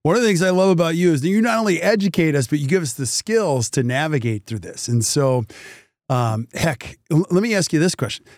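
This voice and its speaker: A man hosting a casual interview, asking questions in a halting, roundabout way. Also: a little high, expressive, darkish tone, no room sound, clean studio sound. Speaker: interview host, dentist.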